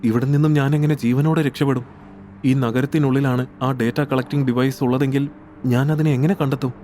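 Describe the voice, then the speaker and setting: A man's voice: fairly even intonation, a little fast, dark tone, a little hiss or hum, natural voice. A man voicing a young man in an audio drama who is anxious, easily frightened and sulky, pleading and complaining in a raised voice. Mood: worried. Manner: pleading and complaining, voice pushed high.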